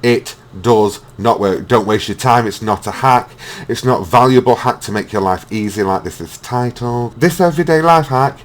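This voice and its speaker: A man's voice: mid-range voice, normal speed. A man hosting a reaction video, mocking and swearing as he rants. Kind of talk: ranting reaction commentary.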